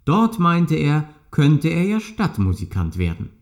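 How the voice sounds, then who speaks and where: A man reading a fairy tale aloud in a slow, expressive storytelling manner. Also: on the high side.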